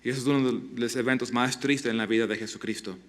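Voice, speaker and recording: A man's voice: mid-range voice, fairly even intonation, a bit bright. Earnest Spanish-speaking male pastor preaching. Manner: earnest, halting, many restarts and repetitions; asks the congregation direct questions. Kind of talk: sermon.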